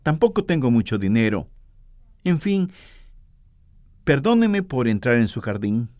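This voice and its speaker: A man's voice: medium pitch, very animated, a little slow, a little mellow, no echo. A man voicing a poor, timid mother who pleads humbly in a sermon story.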